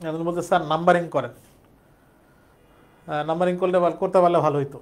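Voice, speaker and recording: A man's voice: a little high, fairly even intonation, brisk. A young man teaching an exam-prep grammar lesson, explaining step by step and repeating words aloud.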